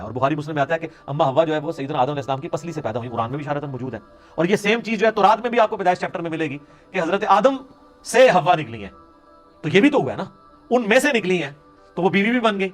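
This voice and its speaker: A man from Pakistan, an Islamic scholar, giving a conversational religious lecture with sarcastic asides. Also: a little high. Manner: explanatory, conversational with sarcastic asides and Punjabi interjections.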